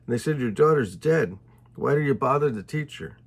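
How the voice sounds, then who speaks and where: A man with a gravelly, husky voice retells a scripture passage in a loose, conversational way. He pauses to add his own plain asides between the verses. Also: medium pitch, expressive. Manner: retells scripture conversationally, dropping to whispers for quoted thoughts. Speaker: Bible teacher. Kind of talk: informal Bible reading with commentary.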